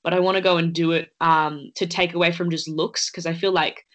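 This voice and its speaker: A teenage girl from Australia, speaking from home through her laptop webcam on a video call. Her voice sits on the low side for a woman, and she talks about her acting in an earnest, chatty way, circling back with fillers as she thinks aloud. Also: level tone, brisk, fairly bright tone, poor audio. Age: late teens. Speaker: actress, interview guest. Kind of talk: casual interview over video call. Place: indoors at home.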